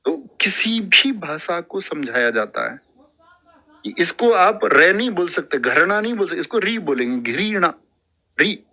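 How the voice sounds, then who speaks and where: A man teaching a classroom lecture in a lively, lecturing way, repeating terms aloud and sometimes reciting verse. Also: sits high, measured pace.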